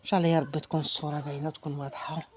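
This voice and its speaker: A woman with a Moroccan Arabic accent teaches embroidery in a casual, chatty hands-on craft tutorial. Her deep voice is flat, rapid-fire and a little mellow as she thinks aloud while working, sometimes murmuring to herself.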